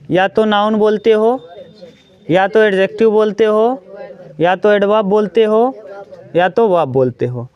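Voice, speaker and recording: High, clear-voiced man teaching grammar. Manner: addresses students directly, repeats examples slowly. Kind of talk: classroom grammar lesson.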